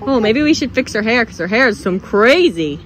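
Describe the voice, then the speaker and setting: A young woman, a parent, unboxing toys with a toddler outdoors, talking in an animated, encouraging way with frequent gasps. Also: on the high side, moderate pace. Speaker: parent and channel host. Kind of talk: casual toy unboxing with a toddler. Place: outdoors on a gravel patio by a fence. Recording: outdoor traffic noise.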